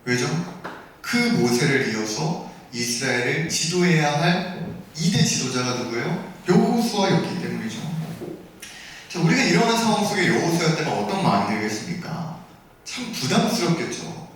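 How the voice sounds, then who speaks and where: A man's voice: a little high, big pitch swings, normal speed, slight background noise. A man preaching a sermon to a youth group, constantly asking his listeners rhetorical questions and briefly acting out the voices of a grumbling crowd. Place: church hall. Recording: very echoey hall, mic far off.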